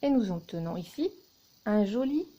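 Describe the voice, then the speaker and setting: A woman teacher giving a recorded lesson to young children, speaking deliberately and spelling out letters and syllables one by one. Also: medium pitch, expressive, mellow.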